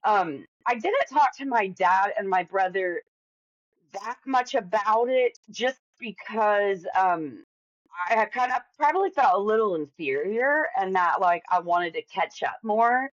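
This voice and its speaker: A woman's voice: medium pitch, lively intonation, unhurried, dry recording, highs cut off. A woman in her forties, talking candidly and at length as a podcast guest, with lots of fillers and restarts. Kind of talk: casual interview conversation.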